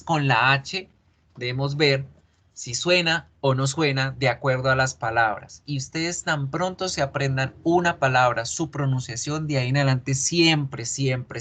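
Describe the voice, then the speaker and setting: Male teacher, unhurried and deliberate, repeats model words for practice. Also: mid-range voice, fairly bright tone. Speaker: English teacher. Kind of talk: pronunciation lesson.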